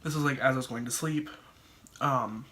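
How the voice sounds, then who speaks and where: A man's voice: medium pitch, moderate pace, bright, forceful tone, slight background noise. A man vlogging casually to camera with a congested, stuffed-up voice, thinking aloud with lots of likes and ums. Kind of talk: casual solo talk to camera.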